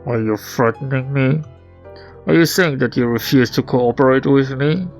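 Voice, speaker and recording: A man voicing a cryptic anonymous caller whose voice comes through a phone with heavy distortion, calm and measured with veiled threats. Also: mid-range voice, faint music behind. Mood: menacing. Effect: heavily distorted phone voice. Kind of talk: reading a game aloud with voices.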